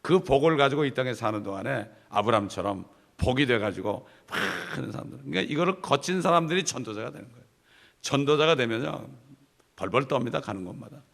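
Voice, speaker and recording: A man's voice: mid-range voice, lively intonation, a little fast, creaky, fairly bright tone. A middle-aged male pastor teaching a Bible study sermon, emphatic and conversational, with asides to the congregation.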